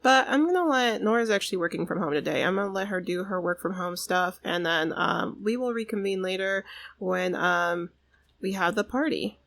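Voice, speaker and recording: A woman's voice: medium pitch, moderate pace, creaky, fairly bright tone. A woman hosts a gaming channel and narrates her play session. Her talk is bubbly and chatty, and she says "like" often. She addresses her viewers directly. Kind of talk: let's play commentary.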